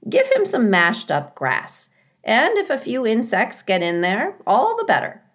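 A woman's voice: fairly high pitch, huge pitch swings, a little slow, a bit bright, pitched above the performer's own voice, full character voice. A woman voicing a blunt, fussy, motherly female goose in a children's storybook, with squawking, emphatic, opinionated delivery. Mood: breezy, instructive. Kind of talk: children's storybook character reading.

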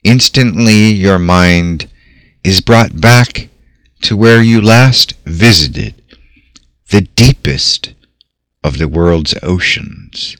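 A man narrating a guided visualization in a measured, theatrical manner with long dramatic pauses. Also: low-pitched, dry recording. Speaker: host. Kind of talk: slow guided visualization narration over music. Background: soft background music.

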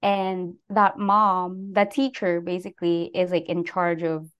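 A woman's voice: fairly low pitch, a little slow, clear, resonant tone. Young filipina-raised woman chatting as a guest, loose and easy, lots of "like". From Philippines. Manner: relaxed, lots of "like" fillers, laughs between phrases. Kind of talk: casual interview talk.

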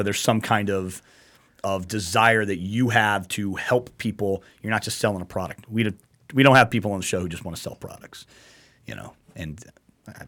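A male talk-show host with a lowish voice, chatting in a loose, rambling way. He circles back over his points with emphatic repetition and drops the occasional curse. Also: fairly bright tone. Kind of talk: casual talk-show chat.

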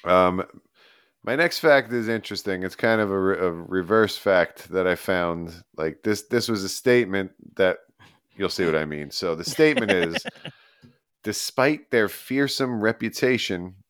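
Deep-voiced man talking slowly. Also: expressive, fairly bright tone, smooth, no room sound, studio quality. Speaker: podcast co-host. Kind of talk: casual podcast chat.

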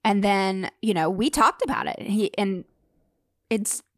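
A woman chats on a podcast at an ordinary mid pitch and tells stories, acting out what people said. Her voice sounds dry and close to the mic. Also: unhurried, no echo. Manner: conversational storytelling with acted quotes. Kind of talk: casual conversation.

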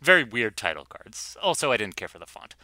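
A man's voice: fairly low pitch, very animated, a little fast, pushed and bright, no room sound. A man co-hosting a podcast in casual chat, playful and laughing, with rambling sentences. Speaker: podcast co-host.

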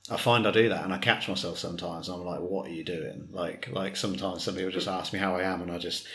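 A man, speaking in a very low voice with a candid, chatty manner. He talks things through as if thinking out loud. The room around him rings with a noticeable echo. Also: fairly even intonation, fast, slight background noise. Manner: candid, chatty, self-questioning. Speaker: podcast co-host. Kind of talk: casual chat. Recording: roomy echo.

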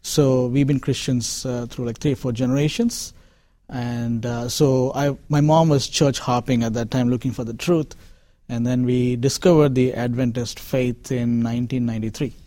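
Man, Indian accent, interview guest, mellow, dry close sound, calm, hesitant fillers. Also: mid-range voice, moderate pace, no room sound. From Chennai, India. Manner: explanatory, calm, with many "uh" fillers. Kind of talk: interview answers.

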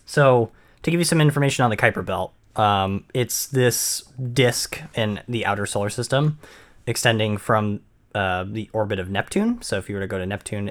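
A man's voice: lowish voice, a bit bright. A man from Maine co-hosting a podcast, explaining in casual chat with frequent ums and restarts. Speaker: podcast co-host.

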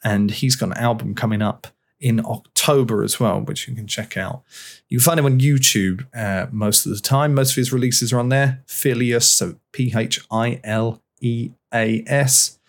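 A man's voice: mid-range voice, normal speed. Chatty male podcast host. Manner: chatty, relaxed, with fillers. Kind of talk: casual chat.

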